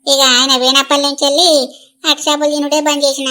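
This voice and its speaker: A woman voicing a tearful elderly widowed grandmother from a village, in a Telangana accent, loud and wailing. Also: sits high, little pitch movement, fast. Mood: mournful.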